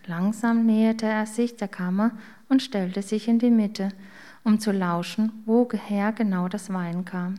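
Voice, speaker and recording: A woman reading a children's story aloud in a calm, gentle way. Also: medium pitch, a little slow.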